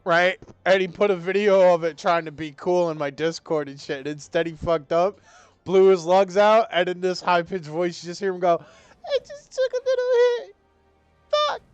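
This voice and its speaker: A man's voice: high-pitched, steady tone, moderate pace, clean tone, no echo, dull audio, faint music behind. A young man streaming a game live, chatting casually in a laid-back, rambling way full of swearing. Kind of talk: casual live-stream chat while gaming.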